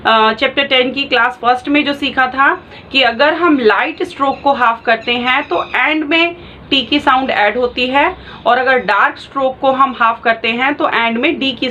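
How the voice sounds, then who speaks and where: A woman's voice: high-pitched, fairly bright tone, slight background noise, poor audio. A woman teaching a shorthand class online. She explains patiently and spells out sounds step by step.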